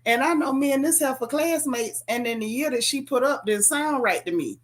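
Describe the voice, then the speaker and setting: A woman hosting a casual gossip chat, sassy and playful with loud joking. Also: high-pitched, a little fast. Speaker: podcast host.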